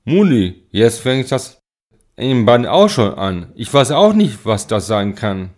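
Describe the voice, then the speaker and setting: A man voicing a frightened man who is losing control of his body, speaking slowly and haltingly. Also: mid-range voice, very animated, darkish tone. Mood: anxious, slow. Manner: slow, halting, strained speech.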